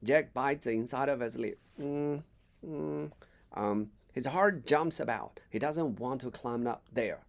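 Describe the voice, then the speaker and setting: A man reading a children's story aloud as an English teacher, expressive with small slips and asides. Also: mid-range voice, normal speed, few pauses.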